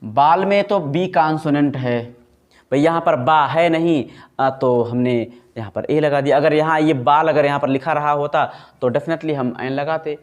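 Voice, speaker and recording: A male teacher with a slightly high voice walks his class through pronunciation. He stretches sounds out slowly to show how they are made, then poses questions and answers them himself. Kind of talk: classroom grammar lesson.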